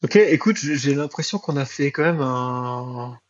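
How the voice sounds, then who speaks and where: A man hosting a casual podcast interview, speaking in a relaxed, hesitant way with many fillers and repetitions. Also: mid-range voice, unhurried, a little hiss or hum. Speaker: podcast host. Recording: dry, dull, slightly lo-fi mic.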